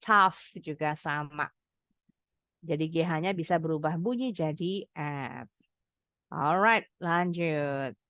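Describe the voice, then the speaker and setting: A woman teaching an online English class, mixing explanation with slowly modeled words for students to echo. She speaks at an unhurried pace. The sound is close and dry. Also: deep voice, a bit bright. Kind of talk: online English lesson for teens.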